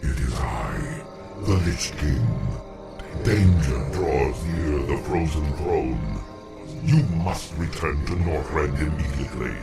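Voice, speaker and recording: An actor voicing a dire, commanding ghostly overlord in a video game cutscene, speaking with portentous urgency. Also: male voice, rumbling low, slow, gravelly, full character voice. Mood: urgent, ominous. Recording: loud music behind the voice.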